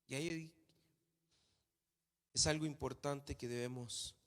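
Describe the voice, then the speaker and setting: A man's voice: mid-range voice, fairly even intonation, slow pace, a bit bright. A man preaching a sermon in a church hall, emphatic, repeating phrases for stress. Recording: long hall reverb.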